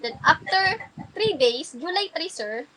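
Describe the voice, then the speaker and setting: A woman's voice: high-pitched, animated, a little slow, pushed and bright, a little hiss or hum, poor audio. A woman being interviewed, telling her story politely and hesitantly, with many restarts and fillers. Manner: polite and hesitant, keeps addressing the interviewer respectfully. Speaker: interview guest.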